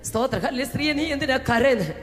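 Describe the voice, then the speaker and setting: Fervent woman preaching from kerala, high bright voice, echoey hall w faint music. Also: expressive, fast talker. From Kerala, India. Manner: fervent, swings between shouting and hushed talk, speaks in tongues. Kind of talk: Pentecostal sermon.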